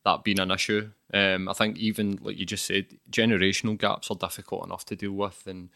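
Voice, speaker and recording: A man hosts a relaxed interview and asks his questions haltingly, with frequent "um"s. His voice sits fairly low but has a bright, forceful edge. The sound is dry and close, with no room echo. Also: vocal fry. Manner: hesitant, many "um" and restarts. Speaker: podcast host. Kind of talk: casual interview.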